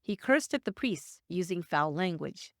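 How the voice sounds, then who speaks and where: Measured woman narrating true crime. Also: on the low side, expressive, dry recording, clean studio sound. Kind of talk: scripted narration.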